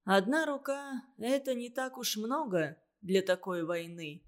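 A woman reading a gentle veteran teacher. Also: mid-range voice, measured pace, natural voice. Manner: gentle, warm and encouraging. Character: kind, calm grown man, a war-veteran village teacher. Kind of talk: storybook reading.

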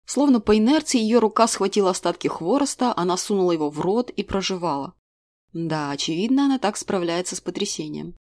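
A woman narrating a first-person audiobook in a dry, ironic tone. Her voice sits at an ordinary middle pitch and the reading is steady and scripted. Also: fairly quick.

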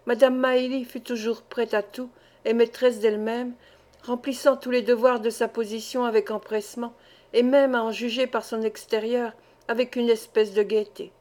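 Woman narrating a classic novel, measured. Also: a little high, little pitch movement, darkish tone. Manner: measured, literary reading. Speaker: audiobook reader.

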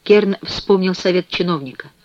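Male audiobook narrator, expressive and measured; dry, slightly dull sound. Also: high voice, dry recording.

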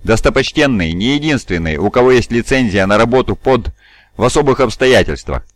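A man voicing a weary, scheming old male regent who speaks in a measured, cool, persuasive way. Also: mid-range voice, animated, no echo, natural voice.

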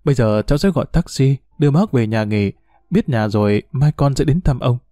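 A man's voice: mid-range voice, animated, a little fast, mellow, dry recording, lightly acted. A man voicing a kind, forgiving young woman who talks politely and earnestly to an older man.

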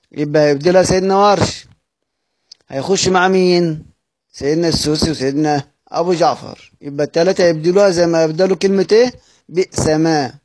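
A man with an Egyptian Arabic accent teaches Quranic readings. He asks his students questions, answers them himself, and draws out each recited word slowly. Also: a little high, darkish tone.

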